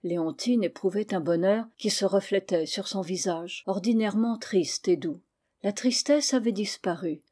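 Mellow woman reading an audiobook. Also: mid-range voice, normal speed. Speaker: audiobook reader. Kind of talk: scripted narration of a classic novel.

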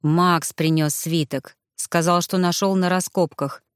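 A woman voicing the ghost of an old man, a medium, who speaks hoarsely in a slow, shaken way. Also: lowish voice, steady tone, no echo, studio quality, close to an everyday voice. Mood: haunted. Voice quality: hoarse, wheezy.

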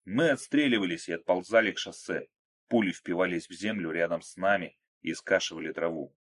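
A man narrating an action story in a steady, measured, dramatic reading. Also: sits low. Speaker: audiobook narrator.

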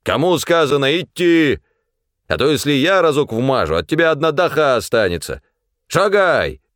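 A man's voice: medium pitch, sing-song, moderate pace, darkish tone, dry recording, clean studio sound, pitched above the performer's own voice, natural voice. A man voicing a terse, tough male worker who gives short, threatening orders. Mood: stern. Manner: curt, threatening.

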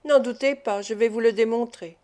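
A ceremonious old Italian prince who coaxes and flatters at the roulette table, read by a woman. The voice sits a little high and stays courteous and insistent throughout the storybook reading. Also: moderate pace, close to an everyday voice. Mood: persuasive. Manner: ceremonious, persuasive. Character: old Italian prince, smooth-talking gambler.

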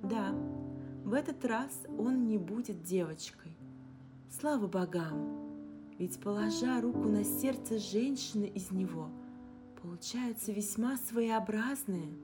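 A woman's voice: medium pitch, animated, slow pace, pitched above the performer's own voice. A woman voicing a frightened young woman, anxious and pleading, close to tears. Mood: tearful hope. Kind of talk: audiobook character reading. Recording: guitar music underneath. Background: guitar music.

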